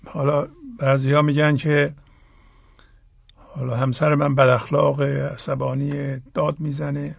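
A man hosting the show, speaking to listeners in a slow, deliberate way and stressing key phrases. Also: on the high side, level tone, creaky, breathy edge, no echo, studio quality. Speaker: host. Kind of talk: reflective talk to listeners.

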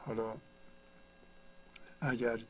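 A man's voice: mid-range voice, steady tone, a bit bright, slight background noise, poor audio. A man teaching a computer tutorial, patiently explaining each step one at a time. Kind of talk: screen-share tutorial.

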